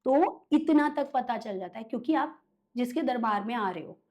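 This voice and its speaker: A woman's voice: fairly high pitch, animated, normal speed, darkish tone, muffled recording. A woman guest telling stories in a conversational interview, animatedly acting out her clients' voices in quotes. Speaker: guest, occult healer.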